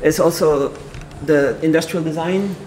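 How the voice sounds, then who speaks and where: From behind a handheld camera, a man with a somewhat high, slightly mellow voice speaks a little slowly, filming and interviewing people on a casual walk through an open-plan office. He asks short questions and echoes the answers back, with noisy office ambience and handheld camera sound around him.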